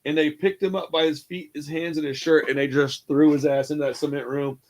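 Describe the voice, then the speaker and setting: A man co-hosting a relaxed hangout stream, racing through a profane anecdote at a brisk clip. His voice sits a bit high for a man, and he jumps into animated impressions of the people he describes. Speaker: podcast co-host. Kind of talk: casual storytelling.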